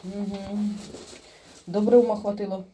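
A woman with a Chernihiv-region Ukrainian accent, mixing in Russian words, chatting jokily into her phone while stuck in a small elevator, swearing and dropping to a hush to listen. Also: mid-range voice, steady tone, moderate pace, slight background noise. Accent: Chernihiv-region Ukrainian with Russian-mixed speech. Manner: joking and wry, swears, drops to a hush when listening. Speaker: vlogger filming on her phone. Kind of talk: casual chat.

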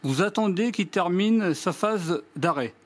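A French man calmly walking through a product test off camera, reading out measurements one by one in a matter-of-fact way. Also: high voice, unhurried, a little hiss or hum. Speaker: DIY product reviewer. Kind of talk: hands-on product demonstration voice-over.

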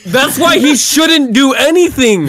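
A man's voice: very high-pitched, expressive, unhurried, crowd noise. A young man swearing and venting annoyance at his teammates in game voice chat on a headset. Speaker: gamer.

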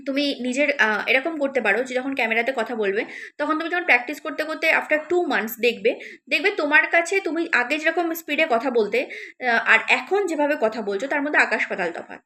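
A woman's voice: high-pitched, sharp tone. A woman tutor giving an encouraging spoken lesson, talking straight to her students with frequent fillers. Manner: encouraging, addresses viewers directly with many fillers.

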